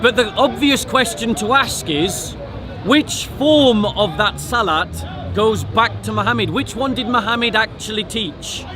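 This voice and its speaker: This man, a street debater, speaks a little slowly in a high-pitched voice while arguing religion outdoors in a busy public park. He stays insistent and repeats himself often, as crowd chatter fills the background.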